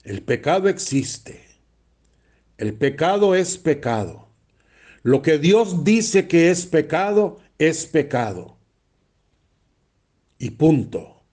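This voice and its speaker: A man's voice: fairly high pitch, very animated, takes it slowly, long pauses, darkish tone. A man, a priest preaching a blunt, emphatic sermon and repeating phrases for stress.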